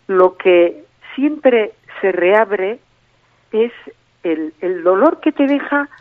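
A woman's voice: medium pitch, lively intonation, drawn-out words, no room sound. A woman speaking as a spokesperson for a victims' group, a guest on a radio interview by phone, earnest and emphatic, repeating key phrases. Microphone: telephone. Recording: tinny phone line.

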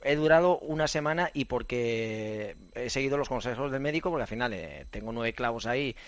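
A middle-aged man from Spain, a former athlete and running coach, chatting on a radio show in an animated, storytelling way with lots of fillers and restarts. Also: mid-range voice, brisk, dry recording. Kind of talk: casual radio chat.

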